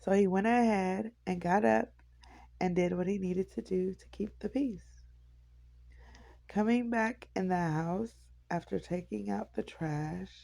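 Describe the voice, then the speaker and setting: A woman reads a novel aloud at an unhurried pace. Her voice carries a heavy gravelly rasp. The reading is unpolished, with slips and rereads. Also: medium pitch, dark tone, rough recording. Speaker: audiobook narrator.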